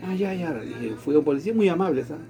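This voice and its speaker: Lively man telling a story. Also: a little high, quick pace. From Latin America. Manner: animated, acts out quoted dialogue. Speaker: storyteller in conversation. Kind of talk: casual storytelling.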